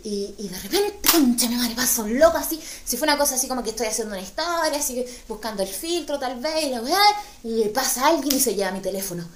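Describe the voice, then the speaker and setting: A woman with a Chilean accent telling a comic story, slangy and animated, acting out the voices in her tale. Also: a little high, quick pace, reverberant, a little hiss or hum. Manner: animated, slangy, acts out dialogue. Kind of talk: stand-up storytelling.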